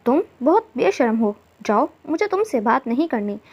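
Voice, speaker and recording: A coy, teasing young wife, voiced by a woman narrator in a storybook reading. The voice sits fairly high over dull, lo-fi sound. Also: big pitch swings, moderate pace, darkish tone. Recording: dull lo-fi recording.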